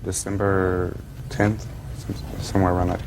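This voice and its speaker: A man's voice: low voice, level tone, moderate pace, a little mellow, slight background noise, rough recording. A seventeen-year-old American male giving courtroom testimony as a plaintiff, hesitant and polite. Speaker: young plaintiff.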